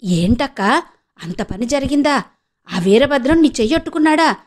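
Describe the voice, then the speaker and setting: Woman doing eager young village girl, higher than the narration, rustic talk. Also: lively intonation, normal speed.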